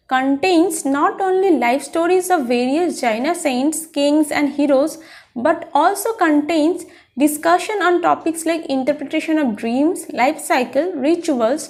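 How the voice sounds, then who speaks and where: A woman history lecturer, giving an exam-prep lecture, reading lines slowly and then explaining them in Hindi. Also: sits high.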